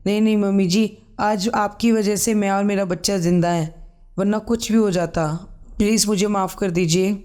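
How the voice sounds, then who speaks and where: A man with a high voice voicing a proud, stubborn young pregnant wife in a storybook narration. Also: fairly even intonation, moderate pace, darkish tone, smooth, close to an everyday voice. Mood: remorseful. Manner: stubborn, dismissive.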